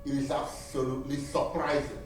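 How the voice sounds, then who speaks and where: Speaking briskly with little pitch movement in a mid-range voice, a seminary graduate gives an earnest testimony and appeal at church, repeating key phrases for emphasis. He is from Nigeria, has a Nigerian accent, and his first language is Igbo. The recording was made at a distance in a roomy church sanctuary, with slight background noise.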